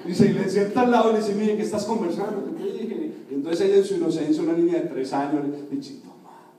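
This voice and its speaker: A man preaching with a slightly high, mellow voice. He tells the story conversationally, checks in with his listeners and lowers his voice to a hush for quoted lines. The sound is distant and very echoey, with faint room noise behind. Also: a little fast. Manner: conversational, asks the audience for agreement. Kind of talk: sermon storytelling.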